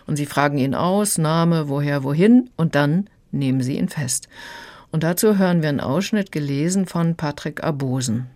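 Low-voiced woman critic on radio. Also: normal speed, a little mellow. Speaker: literary critic. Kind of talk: radio book review talk.

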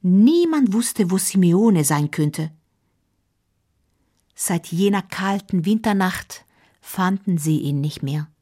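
A woman telling a Christmas-style story slowly and gently, often dropping to a soft whisper. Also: on the low side, expressive. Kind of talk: storybook narration.

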